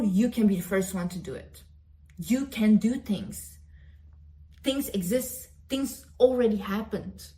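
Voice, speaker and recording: Her voice is warm and mid-pitched. A young woman vlogging motivation, she addresses the camera with an emphatic pep talk, repeating phrases for emphasis and calling herself by the third person.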